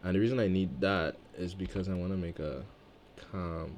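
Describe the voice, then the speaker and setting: A man's voice: sits low, fairly quick, background noise. A man in his twenties from Trinidad and Tobago giving casual gameplay commentary, rambling and thinking aloud between chatty stories about himself. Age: 20s. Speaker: let's-play gamer.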